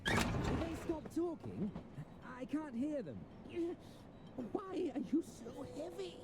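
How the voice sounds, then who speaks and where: Whiny childish eavesdropper, very high, straining, impatient, comedy game, loud rumble. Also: female voice, very animated, slow pace, heavily acted. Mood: strained. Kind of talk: comedic adventure game acting. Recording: distant, loud vehicle rumble.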